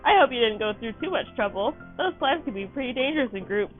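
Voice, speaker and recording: A cheerful older village mayor, put on by a woman reading a game aloud, high and upbeat in his thanks. The sound is thin and phone-like, with faint music underneath. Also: animated, fast, close to an everyday voice. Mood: grateful.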